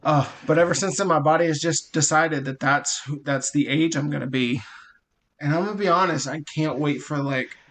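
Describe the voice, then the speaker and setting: A man in his thirties co-hosting a casual podcast chat, telling lively stories and laughing at his own tales. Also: a little high, normal speed. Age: 30s. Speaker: podcast co-host.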